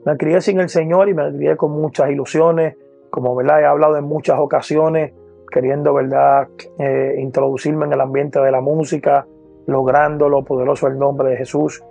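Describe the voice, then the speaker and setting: A man in his forties with a Puerto Rican accent, an evangelist giving his personal testimony to camera, earnest, often pausing on "eh" and repeating praise phrases. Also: fairly high pitch, flat delivery, creaky, dark tone, faint music behind. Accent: Puerto Rican Spanish. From Puerto Rico. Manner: earnest, repeats "poderoso el nombre de Jesús", many "eh" and "¿verdad?". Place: indoor room with lamp, seated. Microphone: lapel mic.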